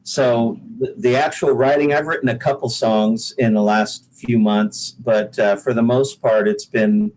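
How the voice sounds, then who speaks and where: Speaking as an interview guest, the singer-songwriter is halting and casual, repeating words while working out what to say. He has a steady, darkish mid-range voice, and the poor-quality audio carries a little hiss or hum.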